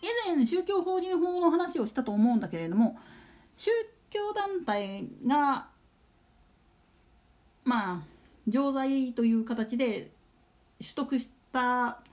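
A woman's voice: on the high side, very animated, a little slow, pauses often, a little mellow. A woman hosting a casual solo talk show, chatting and putting rhetorical questions to her listeners. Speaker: solo radio talk host.

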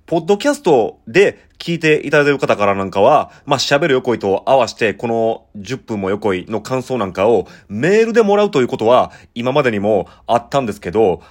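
A man in his thirties speaks with a western Osaka Kansai accent, hosting a relaxed solo show where he reads listener mail. His talk is chatty and rambling, with lively swings of pitch as he explains things. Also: quick pace, hardly any pauses. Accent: western Osaka Kansai dialect. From Osaka, Japan. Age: 30s. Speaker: podcast host and musician. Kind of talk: casual solo talk reading listener letters.

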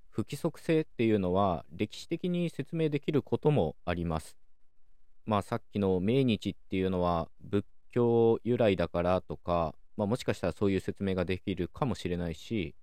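A man hosting a calm solo talk show, explaining things in a measured way with many soft fillers. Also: lowish voice, no room sound, studio quality. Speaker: podcast host.

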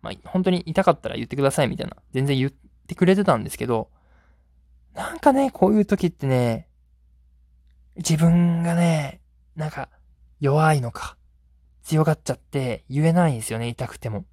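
A man's voice: fairly high pitch, animated, moderate pace, long pauses, darkish tone, no echo. A man hosting a solo podcast, telling a rambling, self-deprecating story in a casual way, close to the mic. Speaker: podcast host.

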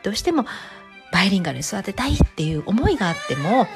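A woman's voice: fast talker, music in the background. A woman from Kansai, talking casually as host of her own channel, chatty and full of fillers. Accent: standard Tokyo-style Japanese. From Kansai, Japan. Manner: chatty, many fillers, lively pitch. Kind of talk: casual solo talk.

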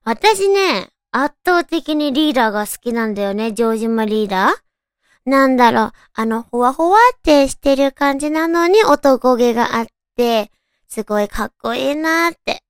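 A woman chats casually to her radio listeners in a high, cute anime-girl voice. It is very smooth and clean, recorded dry and close, and she muses aloud as she goes. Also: expressive, normal speed, no room sound. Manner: chatty, musing aloud to listeners. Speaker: radio show host. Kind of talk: casual solo radio chat.

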